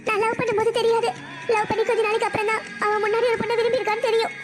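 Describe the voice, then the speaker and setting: A woman's voice: very high-pitched, flat delivery, very fast, music in the background. A woman voicing a heartbroken seventeen-year-old girl in a family cartoon, complaining through tears. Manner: tearful, complaining. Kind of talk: cartoon voice acting.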